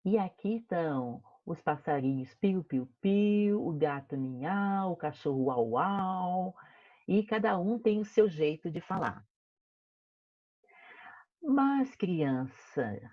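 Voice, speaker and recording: A Brazilian woman teacher reads a storybook to young pupils, taking her time over every line in a lowish voice. Her delivery is expressive and playful, full of sound words. The recording is dry and slightly dull, like a lo-fi home setup. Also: no echo. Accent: Brazilian Portuguese. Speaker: primary school teacher. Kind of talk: reading a children's story aloud in an online class.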